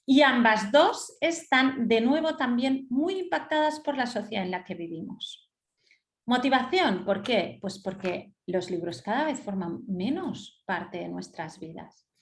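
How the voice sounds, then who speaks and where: A woman's voice: on the high side, animated, unhurried. Middle-aged woman teacher, patient webinar explainer, roomy echo on the voice. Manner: didactic, checks in with rhetorical "¿sí?". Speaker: teacher giving a reading webinar.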